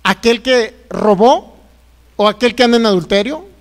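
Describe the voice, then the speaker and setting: Pastor mexicano de jalisco, voz muy aguda, bromista, sermón con preguntas al público. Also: male voice, extremely high pitch, moderate pace. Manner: jokey, rhetorical questions, folksy. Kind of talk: sermon.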